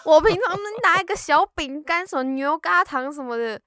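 A young woman co-hosting a podcast in casual chat, lively and teasing, laughing often. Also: high-pitched, fairly quick. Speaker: podcast co-host.

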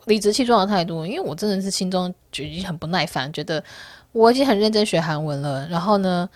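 A woman's voice: lowish voice, animated, fast. A woman vlogger chatting casually to her viewers, telling candid stories and laughing often. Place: Korea.

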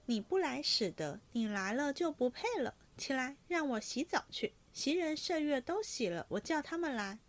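A woman reading aloud and voicing a fiery, sharp-tongued young maid with quick, petulant retorts. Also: high voice, animated, voice pushed up. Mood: teasing.

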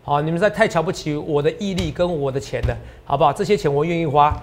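Male finance host, Taiwanese Mandarin accent, high voice, rapid and emphatic delivery. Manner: emphatic and repetitive, often ends lines with a tag question. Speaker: stock market analyst host. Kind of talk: animated market commentary.

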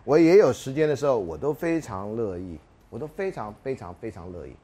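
A man's voice: medium pitch, brisk, slight background noise. A man, a university lecturer telling classroom anecdotes, acting out dialogue and asking rhetorical questions. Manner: animated storyteller, acts out dialogue, frequent rhetorical questions.

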